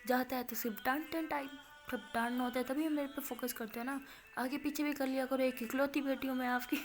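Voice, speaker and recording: A woman's voice: high voice, fairly even intonation, soft background music, lightly acted. Woman voicing sassy teenage college girl. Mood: teasing. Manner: quick, playful, argumentative.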